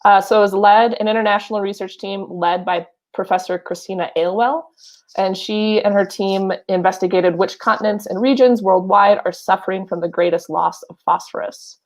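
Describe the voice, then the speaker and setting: A woman's voice: mid-range voice, fairly even intonation, moderate pace. A woman with a Wisconsin accent, co-hosting a podcast and reading news articles aloud with casual, filler-heavy asides. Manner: chatty, many fillers and asides. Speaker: podcast co-host.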